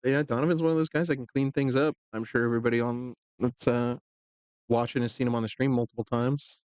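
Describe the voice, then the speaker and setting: A man's voice: medium pitch, fast talker, clean tone, no echo. Easygoing man doing pool commentary. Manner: relaxed and joking, with fillers. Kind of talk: casual live commentary.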